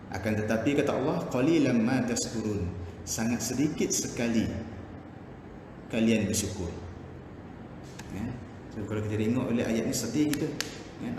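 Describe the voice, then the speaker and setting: A male Quran teacher with a Malaysian Malay accent explains recitation rules patiently and chants verses slowly to show them. His voice carries a strong echo with a long reverb tail, as if in a hard-walled hall. A clear layer of background noise sits under the speech. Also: mid-range voice. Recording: echoey room with background noise.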